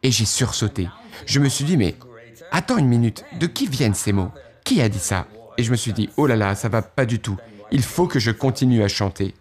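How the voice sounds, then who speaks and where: Storytelling in the first person: a male guest shares his testimony with earnest conviction, pausing dramatically as he recalls what went through his mind. His pitch sits in the middle, and his delivery is highly animated.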